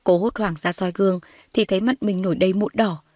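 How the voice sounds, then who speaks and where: A woman's voice: mid-range voice, fairly even intonation, brisk, no room sound, clean studio sound. A woman reading a story aloud and voicing every character's lines herself. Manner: reads all the characters' lines in her own voice, rising when characters shout. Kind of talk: scripted narration with voiced dialogue.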